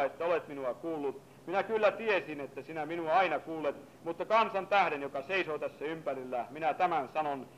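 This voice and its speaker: A man's voice: a bit bright, highs cut off, a little hiss or hum. Man reading scripture and preaching. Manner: reads scripture in a low, measured voice, then preaches with rising fervor.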